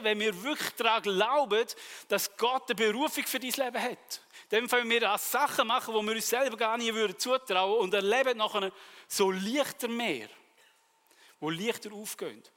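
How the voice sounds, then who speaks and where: A man with a Swiss German accent preaching a sermon, telling personal stories and acting out the dialogue in a lively way. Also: extremely high pitch, normal speed, in a large hall.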